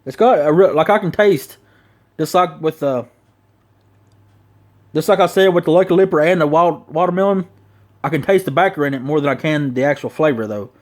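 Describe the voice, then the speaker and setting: Southern US man, fairly high-pitched voice, lip full of dip, casual rambling review, folksy slang. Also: brisk, long pauses, a little mellow. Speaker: product reviewer.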